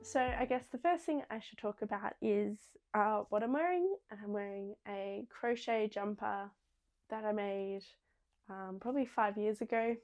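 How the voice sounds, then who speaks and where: A young Australian woman hosts a podcast, chatting casually and rambling with lots of ums and small restarts. Her mid-range voice has a darkish tone and moves at normal speed, with faint music in the background.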